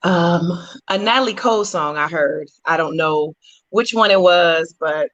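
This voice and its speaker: A woman's voice: lowish voice, a little slow, a bit bright. Woman guest singer, playful, laughs a lot, muffled lo-fi call sound. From United States, Georgia. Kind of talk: casual interview answers.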